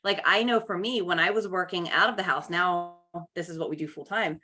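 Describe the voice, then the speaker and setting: Woman host on a video call, low-ish bright voice, chatty and upbeat coaching chat. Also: brisk. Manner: chatty, upbeat, greets viewers by name. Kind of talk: casual live coaching chat.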